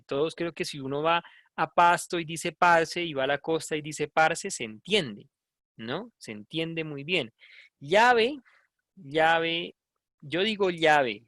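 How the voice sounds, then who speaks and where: A man's voice: on the high side, a bit bright, no room sound, clean studio sound. A Colombian man teaching a language class, talking in a conversational way and often checking in with tag questions. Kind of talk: online class lecture.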